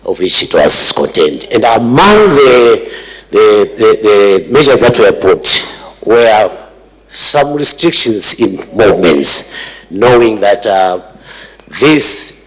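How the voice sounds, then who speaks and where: MP, low husky voice, halting, lots of fillers. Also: male voice, sing-song, low-quality recording. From Zambia. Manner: halting, many fillers like "you know". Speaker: member of parliament asking a question. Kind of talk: parliamentary question. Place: parliament chamber.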